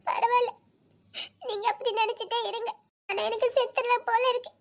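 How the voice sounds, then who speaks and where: A woman's voice: extremely high pitch, flat delivery, brisk. Woman playing a heartbroken, lovesick girl with a Tirunelveli accent. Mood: tearful. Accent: Tirunelveli Tamil. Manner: tearful, pleading, with nervous laughs. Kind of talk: romantic short-drama acting.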